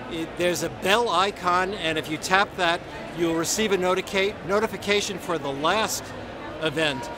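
A man in his fifties hosting a casual live walkaround in a big exhibition hall, talking upbeat and chatty into a phone camera held at arm's length. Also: high voice. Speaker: livestream host. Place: large busy indoor exhibition hall. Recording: loud crowd noise around.

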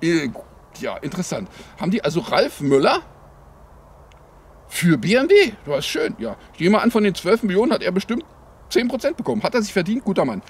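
A high-voiced man delivers satirical headlines as a parody news anchor. His intonation swings widely as he rambles with sarcastic, mock-naive asides and repeated little confirmations. Faint ambient noise sits behind the voice. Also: big pitch swings, brisk. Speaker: host of a satirical news show. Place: outdoors in the cold.

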